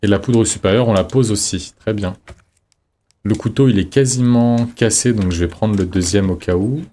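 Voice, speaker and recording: Male streamer, low mellow voice, chatty running commentary, reads notes aloud. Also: normal speed. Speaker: streamer playing a horror game. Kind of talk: casual let's-play commentary.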